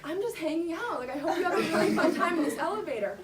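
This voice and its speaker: A woman voicing a furious, foul-mouthed middle-aged mother who shouts and swears. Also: very high-pitched, animated, quick pace, a loud crowd, voice pushed up. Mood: mocking. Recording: echoey room, distant mic, background noise.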